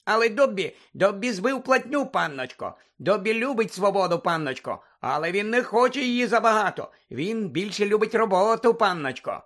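Dobby, a man doing a squeaky eager house-elf. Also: big pitch swings, normal speed, few pauses, fairly bright tone. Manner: talks of himself in third person, keeps saying "sir". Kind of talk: audiobook character voice.

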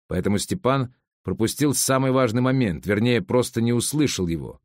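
A man narrating an adventure audiobook in a steady, even storytelling manner. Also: mid-range voice, moderate pace, no echo, clean studio sound.

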